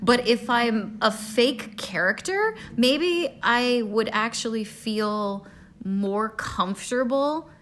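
A woman's voice: on the high side, slow. A woman co-hosting a podcast in casual chat, laughing easily and telling stories with energy. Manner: laughs easily, lively storyteller. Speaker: podcast co-host.

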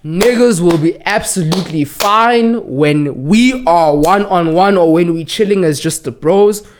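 A man's voice: high-pitched, a little slow. A young man hosting a casual podcast, bantering in London roadman-style slang and repeating words for emphasis. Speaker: podcast host.

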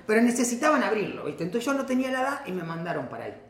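A man with a high, bright voice, co-hosting a web show. He talks fast with lively swings in pitch, teasing and joking. His voice echoes in the room. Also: a little hiss or hum. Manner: teasing, animated, jokes around. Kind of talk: casual chat.

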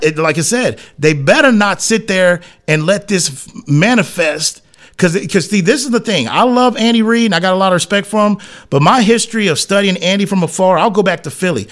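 A high-sitting, slightly bright voice belongs to this sports talk show host. He gives an emphatic, blunt monologue full of opinions and slang, repeating phrases to hammer them home.

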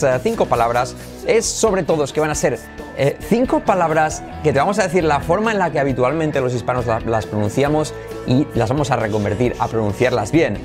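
A middle-aged man with a Spanish accent teaching English pronunciation in a video lesson, lively and repeating practice words. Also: fairly high pitch. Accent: Spain.

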